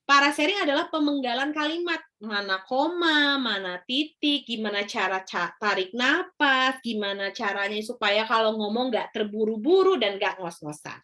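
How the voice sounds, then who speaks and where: A woman's voice: a little high, expressive, normal speed, hardly any pauses, pushed and bright. A woman lecturer explaining in a chatty way, with frequent fillers and rhetorical questions to her students. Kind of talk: casual spoken lecture.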